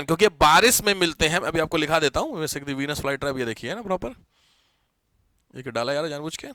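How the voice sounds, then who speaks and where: Chatty, bright-voiced male teacher. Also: on the high side, no room sound. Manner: chatty, teasing students, mixing English terms. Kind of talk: online class lecture.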